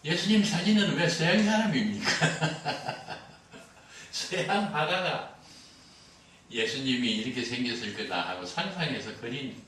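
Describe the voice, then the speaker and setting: A man's voice: on the high side, expressive, measured pace, fairly bright tone, slight background noise. Older guy pastor telling funny stories in a sermon, big echo, mic kinda far off. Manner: storytelling with humor, acting out dialogue. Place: church sanctuary. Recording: roomy echo, heard from a distance.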